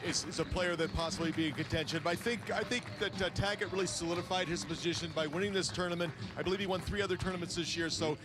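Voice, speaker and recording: A man's voice: high-pitched, fairly even intonation, fast talker, hardly any pauses. A man giving conversational, slightly hesitant color commentary from a sports booth. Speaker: color commentator, former pro player.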